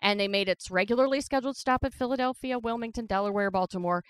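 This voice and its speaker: A female podcast co-host, a lively storyteller, recounts a history story in casual chat and holds her ground when interrupted. Her voice is a little high, fast and clean, in a dry recording.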